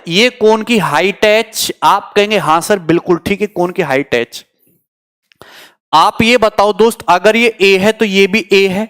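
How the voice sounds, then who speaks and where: This male maths teacher, whose voice sits high with a clean tone, is giving a live online exam coaching class. Chatty and teasing, he jokes around, replies to what students comment, and blends English terminology into the lesson.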